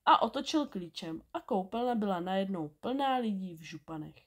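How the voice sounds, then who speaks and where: Animated woman reading a bedtime story. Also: mid-range voice.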